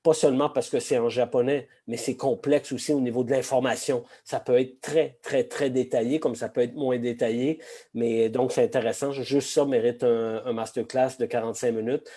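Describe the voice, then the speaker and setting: A middle-aged man with a Québécois accent, slightly hoarse today, presenting an online masterclass over a video call in a chatty way full of hesitations and asides. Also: medium pitch, fairly even intonation, moderate pace, dark tone. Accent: Québécois French. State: slightly hoarse, frog in the throat. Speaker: sake expert giving a masterclass.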